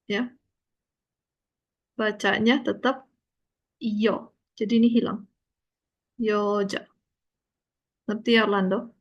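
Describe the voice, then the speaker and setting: A woman teaching a language lesson, explaining slowly and patiently and checking often that her student understands. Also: mid-range voice, fairly even intonation, husky, highs cut off. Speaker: Korean teacher.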